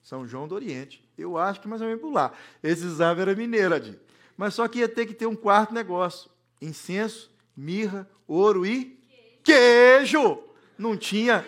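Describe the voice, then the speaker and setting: A man's voice: high voice, fairly bright tone. A man from preaching a humorous sermon, telling stories and acting out the dialogue. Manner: storytelling, acts out dialogue, jokes. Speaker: pastor.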